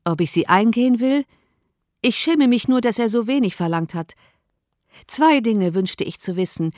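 A woman's voice: on the high side, expressive, normal speed, a little mellow, dry recording, close to an everyday voice. A woman voicing a dry, rueful older father in an audiobook, wry and resigned. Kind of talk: audiobook reading.

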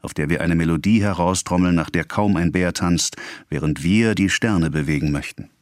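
A man reading a novel aloud as audiobook narration, in a measured, expressive way. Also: deep voice, dry recording, studio quality.

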